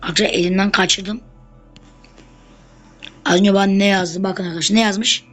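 Chatty young gameplay streamer, mid-pitched. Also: normal speed, faint music behind, rough recording. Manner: chatty, constantly addressing viewers as friends; excitable bursts while fighting. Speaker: gameplay YouTuber. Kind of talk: casual gameplay commentary.

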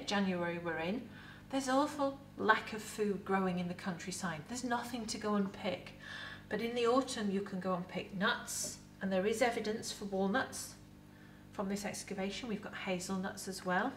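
A middle-aged woman with an English accent, a museum educator in costume, giving a lively, chatty talk to camera about food with props in an indoor set. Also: medium pitch, moderate pace, slight background noise. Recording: roomy echo, voice from a distance.

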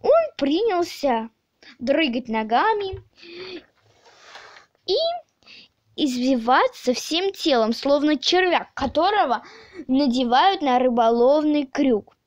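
A woman narrating a children's audiobook in a slow, expressive storytelling manner. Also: high voice, muffled recording.

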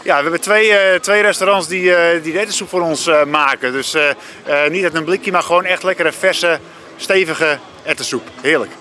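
A man's voice: a little high, normal speed, slight background noise. A man explaining an event in interview answers as an organizer, outdoors on a beach. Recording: loud music behind, outdoors.

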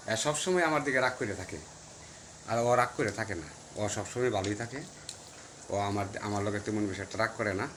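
A man's voice: mid-range voice, a bit bright, slight background noise. A young man filming a casual vlog at his village home, talking to his dogs and to viewers. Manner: chatty, coaxing and teasing the dogs. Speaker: YouTuber.

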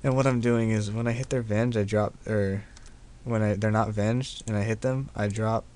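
A man's voice: fairly low pitch, steady tone, moderate pace, a little mellow, clean tone. A young man giving casual, profane gameplay commentary at his computer, laid-back and laughing often. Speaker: gaming video host.

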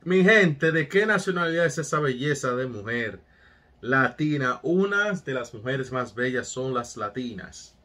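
A man's voice: medium pitch, expressive, unhurried, pushed and bright. A man giving hyped, casual commentary as a music reaction host, talking straight to his viewers with street catchphrases.

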